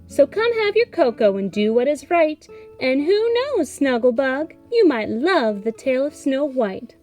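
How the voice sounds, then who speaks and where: A woman voicing an affectionate, brisk storybook mother cat who coaxes and teases. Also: high voice, sing-song, darkish tone, soft background music, pitched above the performer's own voice. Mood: coaxing, chiding. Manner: coaxing, teasing pet names. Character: brisk affectionate mama cat coaxing her kittens.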